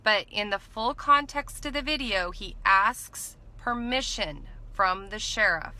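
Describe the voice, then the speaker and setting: Female, thirties. Bright, forceful tone at a middle pitch, earnest informal recap read from notes. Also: unhurried, low-quality recording. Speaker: vlogger recapping a court trial. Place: inside a parked car at night. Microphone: phone or camera at arm's length.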